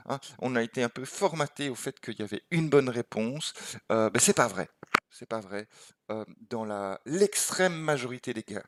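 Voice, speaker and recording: A man's voice: mid-range voice, a bit bright, dry recording, studio quality. A man teaching a creativity course, thinking aloud and tagging phrases with "hein" and "ok". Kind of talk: recorded lecture over slides.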